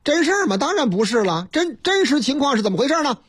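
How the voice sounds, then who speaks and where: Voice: sits high, quick pace. A radio news host with a Beijing accent who tells news items as comic stories in a theatrical, folksy way. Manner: lively, theatrical, folksy banter.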